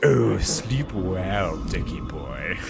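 A scheming pantomime rat king, gloats theatrically in rhyme. The voice is creaky and drawn out, with lively swoops, over clear background music. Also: low-pitched, extremely slow, exaggerated voice. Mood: mock sweet. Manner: theatrical, relishing, rhyming villain speech. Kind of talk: radio pantomime villain acting. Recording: music playing behind.

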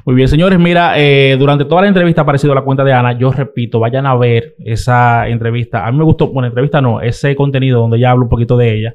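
A man's voice: medium pitch, fairly even intonation, fast talker, few pauses, a little mellow. Male interview host, encouraging and conversational. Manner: encouraging, short backchannels. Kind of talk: casual interview.

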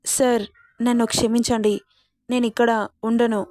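A woman's voice: a little high, level tone, moderate pace, a little mellow, no echo, studio quality, close to an everyday voice. A woman voicing a wounded, proud young heroine who speaks earnestly and defiantly in an audio story. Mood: pleading. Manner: pleading then defiant, earnest.

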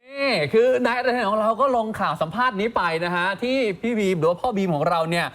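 A man co-hosting an entertainment news show, reacting with lively exclamations and polite particles. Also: high voice, fast talker.

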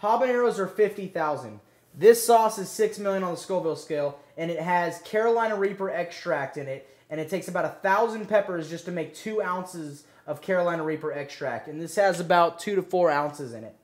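A man's voice: high-pitched, fairly quick. A young man co-hosting casually, explaining and bantering in a home kitchen. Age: young adult. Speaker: co-host, the cook's son. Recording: echoey kitchen, camera mic.

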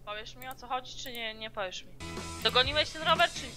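A woman's voice: sits high, brisk, over music. A woman moderating a stream, teasing and nagging the streamer with heavy swearing in casual bickering chat. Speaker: channel moderator.

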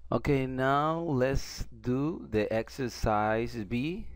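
A native Spanish speaker with a mid-range voice teaches an English lesson in Spanish, slowly repeating phrases in both languages.

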